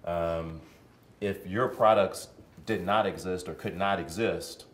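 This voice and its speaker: A man's voice: low voice, slow pace. A man hosting an event Q&A, relaying audience questions to the guest in short paraphrases. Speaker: event host and moderator. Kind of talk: moderating an audience Q&A. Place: coworking space event. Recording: echoey room with faint noise.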